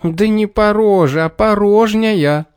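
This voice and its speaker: A man's voice: sits high, big pitch swings, a little slow, no room sound, clean studio sound, pitched above the performer's own voice. A man reading a storybook, voicing a hapless young village boy who mumbles and whimpers. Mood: insistent shouting. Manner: whiny, pleading.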